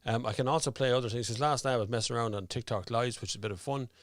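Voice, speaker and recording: A man's voice: medium pitch, rapid-fire, no echo. An Irish man hosting a casual live stream, rambling and chatty as he sorts out his audio on air. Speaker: host. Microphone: studio microphone with headphones.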